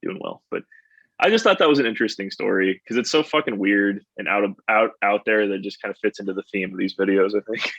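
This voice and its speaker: A man's voice: on the low side, quick pace, creaky, fairly bright tone, dry recording, dull audio. A man from the United States chatting casually with a friend on a call, rambling with lots of "like" and "you know". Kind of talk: casual chat.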